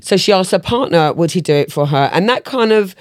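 A woman's voice: fairly low pitch, animated, a little fast, dry recording. A middle-aged woman co-hosting a podcast in casual chat, frank and laughing, steering the talk on a studio mic. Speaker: podcast co-host.

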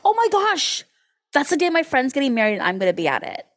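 A woman with a high, sing-song voice talks quickly as co-host of a casual podcast. She chats about horoscopes in a playful, colloquial, wry way.

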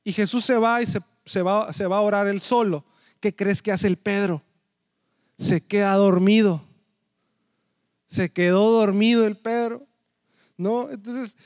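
Pastor guy, kinda high voice, telling stories in his sermon, dry sound. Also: no echo. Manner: conversational storytelling, often checks in with the listeners.

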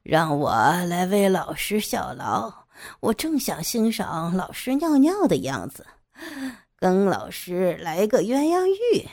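A woman voicing a cold, sneering, domineering young man who mocks with low chuckles. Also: big pitch swings, takes it slowly, a little mellow, no room sound, studio quality, exaggerated voice. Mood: mocking.

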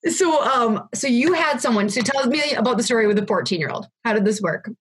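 A woman in her thirties hosts a podcast interview. She is chatty and tells stories with a laugh. Her voice is a little high and husky. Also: lively intonation, a little fast. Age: 30s. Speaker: podcast host.

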